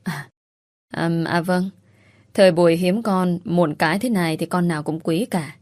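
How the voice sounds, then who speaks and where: A woman's voice: lowish voice, fairly even intonation, moderate pace, darkish tone, no echo, studio quality, lightly acted. A woman voicing a sly, smug young female teacher who pries breezily. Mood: prying.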